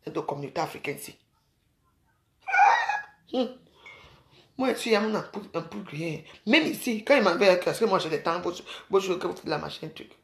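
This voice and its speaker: A woman's voice: fairly low pitch, lively intonation, normal speed, vocal fry, long pauses, reverberant, a little hiss or hum. A woman from Cameroon, rambling casually to her viewers and calling them sisters. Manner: chatty, addresses viewers as sisters. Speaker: vlogger.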